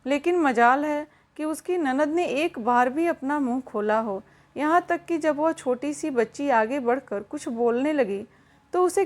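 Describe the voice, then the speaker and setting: A woman telling a family drama as scripted narration, reading evenly and speaking the characters' lines herself. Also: high-pitched. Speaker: storyteller.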